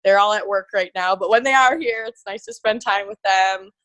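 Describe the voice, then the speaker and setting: A woman of about twenty from Minnesota, a college tennis player appearing as a guest, chats casually with an American accent. Her mid-range voice is a bit bright and moves at normal speed, with no room sound in the recording.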